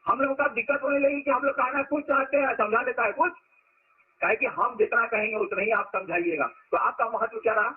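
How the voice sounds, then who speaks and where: Husky high-voiced man giving a discourse. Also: a little fast, narrow, tinny audio. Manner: conversational, asks rhetorical questions. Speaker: spiritual teacher. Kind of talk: informal spiritual discourse.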